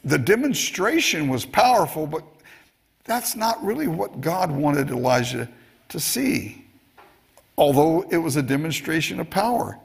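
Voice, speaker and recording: A man's voice: fairly high pitch, very animated, a little slow, creaky, breathy edge. A man preaching a sermon, delivering it expressively, chuckling now and then and acting out the scripture he quotes.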